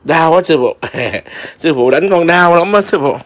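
A man's voice: fairly high pitch, expressive, moderate pace, a bit bright, voice pushed up. Give me a man putting on the voice of an old dog whining back at its master. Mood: plaintive.

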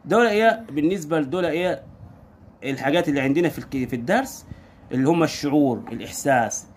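A man's voice: fairly high pitch, lively intonation, fast, a little mellow, slightly rough. A man with an Egyptian Arabic accent tutoring his young daughter at home, patiently repeating words and prompting her with questions. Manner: patient drilling with constant call-and-response questions. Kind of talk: home English lesson for a young child.

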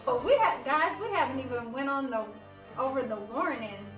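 High-pitched, nervous young woman in an echoey room. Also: normal speed. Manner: nervous, with giggles. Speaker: vlogger, challenge co-host. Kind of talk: casual banter and reading aloud to camera. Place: home room at a table, indoors. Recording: echoey room, distant mic, music underneath.

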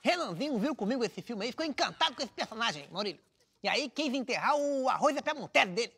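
A pompous, gravelly-voiced driver. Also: male voice, very high voice, sing-song, fast, noisy background, full character voice. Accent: Brazilian Portuguese. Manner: pompous, self-assured, touchy. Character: self-important male driver, a father, Renan.

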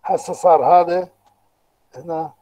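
An Iraqi man with a high voice, teaching an online university class. His tone is very dark and mellow. He explains patiently, step by step, and keeps checking in with rhetorical questions. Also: measured pace, poor audio. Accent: Iraqi Arabic. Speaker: lecturer. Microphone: computer microphone, online lecture.

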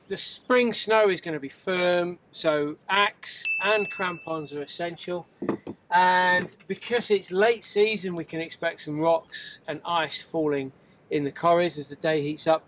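A middle-aged man, a mountain guide giving clear, upbeat instructions outdoors. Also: sits high, noisy background.

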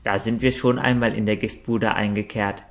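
A man's voice: fairly low pitch, steady tone, normal speed, creaky. A man reading aloud, voicing a big, cheerful female dragon who chats in easy colloquial speech. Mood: easygoing. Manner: easygoing colloquial chatter.

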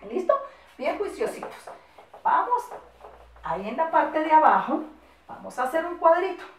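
A woman with a Colombian accent teaching a first-grade class, speaking affectionately with lots of diminutives and slowing down to dictate word by word. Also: high-pitched, big pitch swings, recorded from a distance, a little hiss or hum. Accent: Colombian Spanish. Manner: affectionate, singsong teacher talk with diminutives, slow spelled-out dictation. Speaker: primary school teacher. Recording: echoey room, voice set back from the mic.

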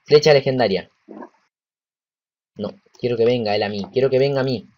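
Excitable Rioplatense man narrating his gameplay. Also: mid-range voice, moderate pace, highs cut off, slight background noise. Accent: Rioplatense Spanish. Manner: excitable, talks to himself and the game, swears in frustration. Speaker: gameplay commentator. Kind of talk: casual let's-play commentary.

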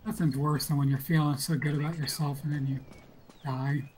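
A man's voice: fairly high pitch, little pitch movement, fairly quick, darkish tone, a little hiss or hum. A man chatting casually while gaming, wry and laid-back, swearing now and then. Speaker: gamer.

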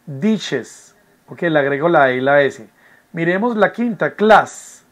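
A man with a fairly high, animated voice speaks slowly in a recorded online English class he teaches from home. He's patient and repetitive, frequently checking that his students are following.

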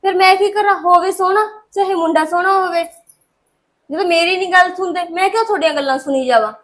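A woman's voice: very high-pitched, very fast. A young woman with a Punjabi accent playing a defiant daughter who pleads against a forced marriage in a short film drama. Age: young adult. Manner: pleading and defiant, often tearful. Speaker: daughter resisting arranged marriage.

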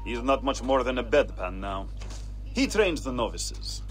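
Sardonic arena master, animated and theatrical. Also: male voice, medium pitch, a little slow, music in the background. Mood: brisk, sardonic. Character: jaded, mocking male gladiator arena master. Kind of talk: video game voice acting.

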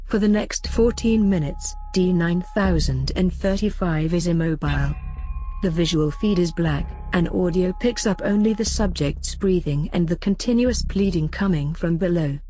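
A woman reading a scripted report in a steady, clinical narration. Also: lowish voice, normal speed.

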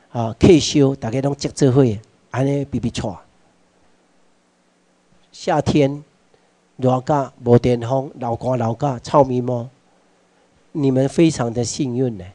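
A man with a Taiwanese accent giving a workshop lecture to a live audience. He puts questions straight to listeners and slips into Hokkien phrases, moving between quiet asides and loud urging. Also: medium pitch, no room sound. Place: meeting hall with an audience.

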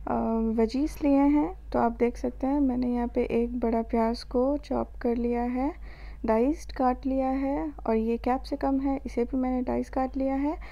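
High, mellow-voiced Indian woman narrating a recipe. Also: creaky, highs cut off. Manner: calm step-by-step instructions with filler pauses. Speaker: cooking channel host. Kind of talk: voice-over cooking tutorial.

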